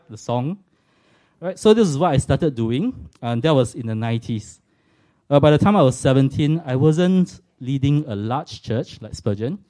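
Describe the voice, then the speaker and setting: Speaking to a church audience, a forties-aged man from Singapore reflects earnestly on his personal faith, adding a little self-deprecating humour. His voice is mid-range and dark, with a Singaporean accent.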